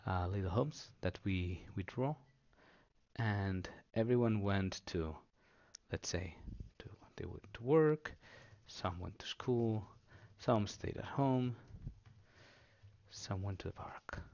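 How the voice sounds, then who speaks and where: A man gives a simple, unscripted explanation for children in a fairly low voice with plenty of fry. He goes slowly, in halting short phrases. The sound is somewhat dull and lo-fi. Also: a little mellow. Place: indoors at a table.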